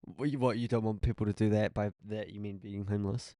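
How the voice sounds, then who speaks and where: A young man trades dry, teasing banter as a podcast co-host. His voice sits low and has a gravelly fry to it. The sound is close and dry, with no room around it. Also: steady tone, fast talker, mellow, no room sound. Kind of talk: casual chat.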